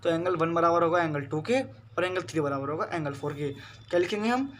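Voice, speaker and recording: Male math tutor, high voice, patient step-by-step classroom delivery, Hindi-accented English terms, faint hiss behind. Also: fairly quick, fairly bright tone. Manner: patient, repeats questions to students. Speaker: math teacher. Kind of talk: classroom lesson.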